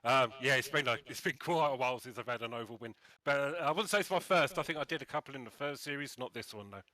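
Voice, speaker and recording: A man from the UK, answering post-race interview questions in a halting way, often repeating words as he thinks. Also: mid-range voice, bright, forceful tone. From United Kingdom. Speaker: race winner being interviewed.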